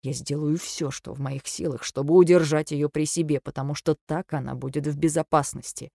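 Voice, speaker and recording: A wounded, bitter young husband in an audiobook, as a woman reader voices him, speaking in a cold, reproachful tone. The voice sits low, and the recording is dry and close, with no room sound. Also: fairly quick, a little mellow, no echo, natural voice. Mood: cold, hushed. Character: hurt, angry young husband on the phone. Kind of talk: audiobook reading.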